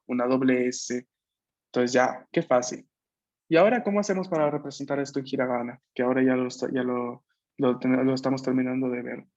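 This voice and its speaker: Patient male teacher on a video call. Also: medium pitch. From Peru. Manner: patient, repeats and checks understanding. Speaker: language teacher. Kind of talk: online class explanation. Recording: slightly muffled video-call audio.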